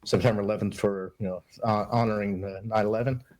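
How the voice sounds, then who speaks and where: Earnest, low-voiced middle-aged man. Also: fairly even intonation, quick pace, a little mellow, slight background noise. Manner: earnest, upbeat, motivational. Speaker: podcast guest, Army veteran and mentor. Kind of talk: casual interview talk.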